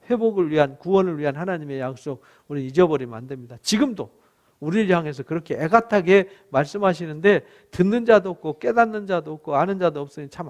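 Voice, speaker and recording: A middle-aged man preaching a Bible exposition sermon as pastor. He pleads in a conversational tone, fills pauses with "eo," and acts out God's voice with rising emphasis. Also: fairly high pitch.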